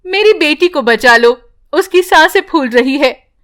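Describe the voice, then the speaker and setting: A woman's voice: sits high, animated, measured pace, a bit bright. A woman playing a devoted village mother. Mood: pleading. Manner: pleading, protective.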